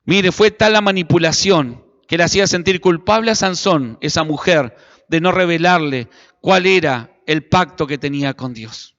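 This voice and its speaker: A man's voice: on the high side, moderate pace, fairly bright tone. A man with an Argentine accent preaching a fervent sermon as pastor, calling on his congregation to respond. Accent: Argentine Spanish. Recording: echoey hall, dull lo-fi sound.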